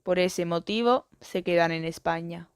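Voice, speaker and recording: A woman reading an educational biography and book summaries in a steady, even narration. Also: lowish voice, a little slow, smooth, no room sound, clean studio sound.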